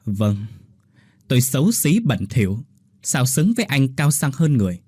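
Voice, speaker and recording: A man's voice: a little high, sing-song, moderate pace, darkish tone, breathy edge, dry recording, studio quality, pitched above the performer's own voice. A man voicing a hurt young wife, a humble sticky-rice seller, who speaks up bitterly to her husband. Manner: pleading and bitter.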